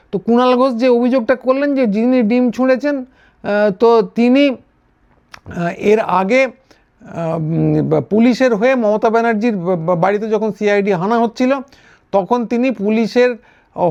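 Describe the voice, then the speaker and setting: A man giving a sarcastic political commentary, pausing and restarting often. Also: extremely high pitch, darkish tone. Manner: wry, sarcastic, with frequent hesitations and restarts. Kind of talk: casual political commentary monologue. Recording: dull, lo-fi recording.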